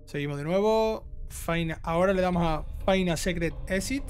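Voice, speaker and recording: Here a video game guide host, a man with a voice that sits high, talks at a moderate pace. He casually instructs the listener through the gameplay one step at a time, checking in as he goes, while game music plays.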